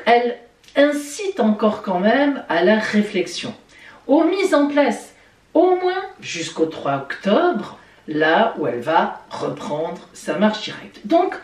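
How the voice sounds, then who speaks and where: A woman's voice: medium pitch, distant mic. A woman giving weekly horoscopes in a playful, chatty way, talking straight to her listeners. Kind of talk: casual horoscope reading. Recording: roomy sound from off-mic.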